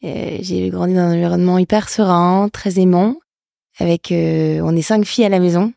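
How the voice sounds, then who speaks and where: Gravelly-voiced businesswoman from northern France. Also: on the low side, moderate pace, dry recording, studio quality. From Lille, northern France. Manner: relaxed, frequent hesitations. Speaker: entrepreneur guest. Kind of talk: interview conversation.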